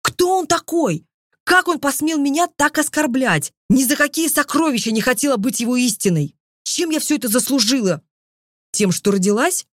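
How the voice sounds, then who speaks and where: A woman's voice: normal speed, no room sound, clean studio sound, natural voice. A woman reading the lines of a frightened young heroine in an audiobook, her voice lifted in pleading and indignation. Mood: despairing. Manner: pleading and indignant, raised pitch.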